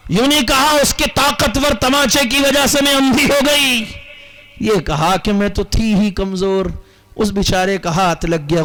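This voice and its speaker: A man giving an emotional religious sermon as a preacher, telling stories dramatically with shouted climaxes. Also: high-pitched, poor audio.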